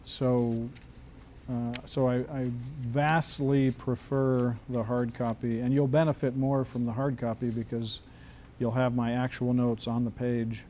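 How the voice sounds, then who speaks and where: Mellow-voiced man teaching a casual class. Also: medium pitch, flat delivery, a little slow, slight background noise. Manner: loose, joking, many restarts. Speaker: screenwriting teacher.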